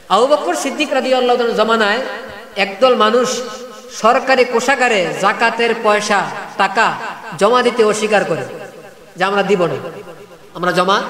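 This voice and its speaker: A man preaching a sermon to a crowd, asking the listeners again and again whether they follow him. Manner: high-pitched, rhetorical, keeps asking the crowd if they understand. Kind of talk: Bengali waz sermon. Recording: echoey hall with a loud crowd.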